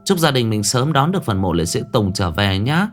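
A man's voice: lowish voice, sing-song, fairly quick, faint music behind. A man voicing a scheming psychic who films and persuades a crowd in a raised, dramatic voice. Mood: dramatic persuading. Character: scheming psychic-team leader filming a crowd.

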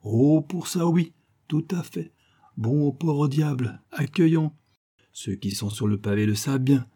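A gossipy wine-shop keeper who can't stop talking about his customers, read by a man. The voice is dark and husky, from an audiobook. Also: fairly high pitch, a little slow, voice pushed up. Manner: gossipy, talkative. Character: chatty male Paris wine-shop keeper. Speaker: audiobook reader.

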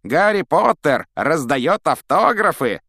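A man voicing an arrogant schoolboy bully who taunts and mocks loudly, in an audiobook. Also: a little high, big pitch swings, takes it slowly, dry recording, studio quality, voice pushed up, heavily acted. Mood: sneering. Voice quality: sneering, taunting. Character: sneering arrogant schoolboy bully, loud and mocking. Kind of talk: audiobook character voice.

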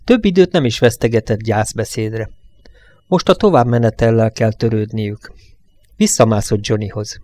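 A man narrating an audiobook in a measured, even storytelling manner. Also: on the low side, dry recording. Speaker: audiobook reader.

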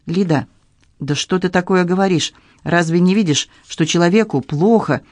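A man's voice: high-pitched, normal speed, a little mellow, dry recording, natural voice. A man reading an audiobook, voicing a flustered, pitiful middle-aged man who talks in a plaintive, guilty way.

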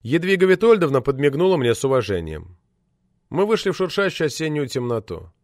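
A man narrates a novel in an expressive, measured reading. His voice sits fairly high and moves freely in pitch. The recording is dry and close to the mic. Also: no room sound. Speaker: audiobook narrator. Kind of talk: literary audiobook narration.

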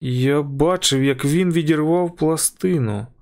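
A man's voice: medium pitch, lively intonation, moderate pace, close to an everyday voice. Man putting on a panicked, pleading airline passenger. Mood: insistent. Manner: strained, pleading, voice breaking with panic. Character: frightened airline passenger man, tense and desperate.

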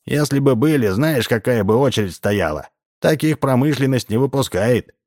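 A man's voice: medium pitch, animated, normal speed, a little mellow, dry recording, clean studio sound, voice pushed up, close to an everyday voice. Fields: Figure: man reading as a sly middle-aged building boss. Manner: wheedling. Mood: scheming. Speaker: building contractor.

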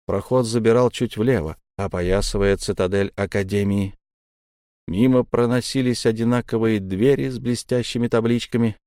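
A man's voice: lowish voice, fairly even intonation, moderate pace, dark tone, clear, resonant tone, no room sound, clean studio sound. A man narrating an adventure audiobook in a tense, storytelling delivery.

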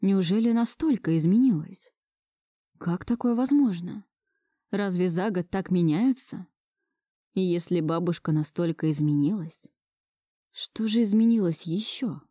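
Woman narrating a story, mellow and dry. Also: on the low side, unhurried, pauses often, no room sound. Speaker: audiobook reader. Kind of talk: first-person story narration.

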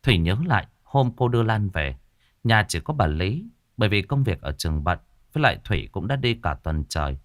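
Guy reading a spooky story, lively low voice, dry close mic, faint music under. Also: no room sound. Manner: slow, suspenseful storytelling. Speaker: narrator. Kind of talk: horror story narration.

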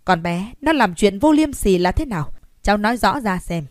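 A woman voicing an irritable old grandfather who scolds loudly, reading an audiobook story. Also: medium pitch, lively intonation, normal speed, no room sound, studio quality, natural voice. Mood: angry scolding. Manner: angry, scolding, raised voice.

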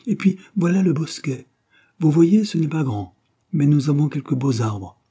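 A man doing a serene young woman from the countryside, storybook style, with her voice lifted a little higher and lively. She sounds dark and mellow, slightly husky, and she speaks with calm good sense. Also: moderate pace. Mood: bright, sensible.

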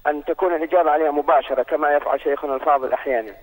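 A man from Saudi Arabia calling in by phone, asking a formal, courteous question and reciting verses in a measured way. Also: fairly high pitch, steady tone. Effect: heard over a phone line. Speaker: phone-in caller.

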